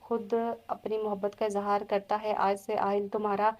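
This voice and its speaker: A woman voicing a young man, a stern but softening husband, in an audio novel, read in a flat, even voice. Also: high voice, normal speed, natural voice. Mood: tender.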